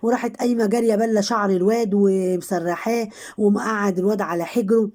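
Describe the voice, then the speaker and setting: An Egyptian woman talks to her viewers in a mellow, warm voice. She sounds indignant and lectures the people she criticizes directly. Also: medium pitch, steady tone, fast. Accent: Egyptian Arabic. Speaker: vlogger commenting on online drama. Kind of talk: casual commentary to viewers.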